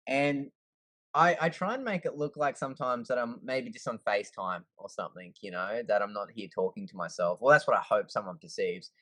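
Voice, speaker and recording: An Australian man being interviewed, telling stories in a relaxed, easygoing way with plenty of fillers. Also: fairly low pitch, brisk, no room sound, rough recording. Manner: laid-back, easygoing, lots of fillers. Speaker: guest. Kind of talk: casual storytelling.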